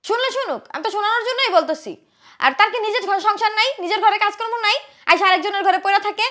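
A woman playing a shrill, spiteful young wife. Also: very fast. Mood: scornful. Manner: scolding, loud and contemptuous. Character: spiteful young wife who resents her sister-in-law. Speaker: sharp-tongued wife. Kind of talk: short film acting.

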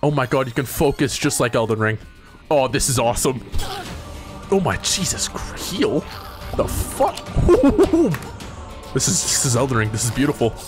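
A man giving excitable, profane commentary while playing a video game. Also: medium pitch, fairly quick, music in the background. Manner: excitable, profane, laughing often. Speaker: gamer. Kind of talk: casual let's-play commentary.

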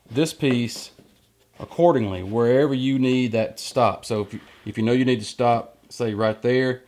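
A man's voice: medium pitch, darkish tone. A man in his thirties, a workshop channel host, explaining step by step how to use a jig while working at the bench in a large indoor woodshop. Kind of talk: hands-on workshop tutorial. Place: large indoor woodworking shop.

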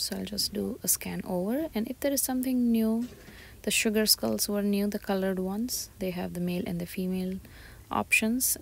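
A female shopping vlogger moves through a store describing items one at a time in soft, breathy, often half-whispered ASMR-style commentary. Her voice sits in the mid range, with store ambience audible behind it.

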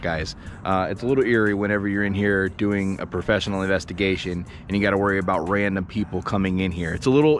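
A man in his thirties filming a casual ghost-hunting vlog, talking in a slangy, uneasy way to viewers and spirits. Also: low-pitched. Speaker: solo paranormal investigator, host. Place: abandoned jail at night, indoors and just outside. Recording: echoey empty building, faint noise.

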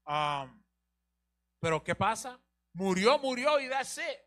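High-voiced man teaching scripture. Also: very animated, slow, sharp tone. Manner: rhetorical questions and repetition, directs the reader. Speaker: Bible teacher. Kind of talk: street-style Bible teaching on a live show.

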